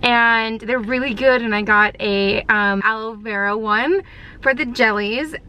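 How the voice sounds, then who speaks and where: Vlogger, woman, slightly high, chatty and rambling, handheld camera, casual to-camera talk. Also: measured pace. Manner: chatty and lively, rambling with fillers. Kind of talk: casual vlog chat to camera. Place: outdoors and in her car on a hot day.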